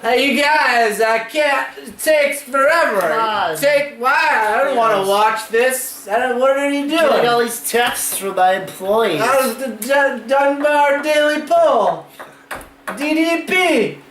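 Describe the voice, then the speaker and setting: A man's voice: very high-pitched, expressive, takes it slowly, long pauses, a bit bright, pitched above the performer's own voice, heavily acted. A man putting on the voice of a fussy, complaining young man with a nasal voice. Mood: whiny mocking. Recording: echoey room with faint noise.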